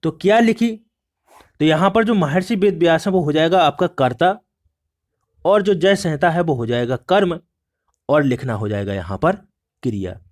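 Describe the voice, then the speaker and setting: Male teacher, slightly high voice, patient step-by-step exam prep explainer. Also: expressive, normal speed, long pauses. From India. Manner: repeats "dekhiye" often, explains step by step.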